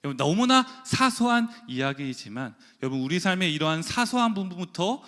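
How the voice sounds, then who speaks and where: A man's voice: high-pitched, big pitch swings, a little fast, fairly bright tone. A man preaching a sermon, telling a personal story with acted-out quotes and occasional laughs. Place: church sanctuary. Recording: long church hall reverb.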